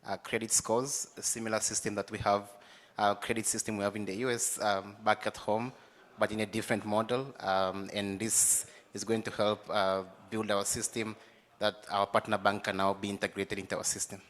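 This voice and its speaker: Flat-voiced tanzanian guy explaining his startup, halting, echoey hall. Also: lowish voice. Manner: halting, many fillers. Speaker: student founder.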